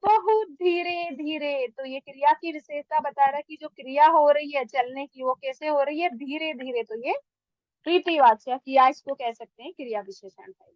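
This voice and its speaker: High-voiced woman teaching grammar. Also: moderate pace, dry recording, muffled recording. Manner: asks and answers her own questions, repeating example sentences; mixes English words into Hindi. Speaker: Hindi teacher. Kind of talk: explaining grammar to students.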